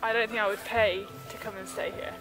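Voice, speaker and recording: A woman casually chatting through a travel vlog, excitable and feeling the cold. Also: mid-range voice, fast, over music, rough recording. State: cold, freezing. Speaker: vlogger.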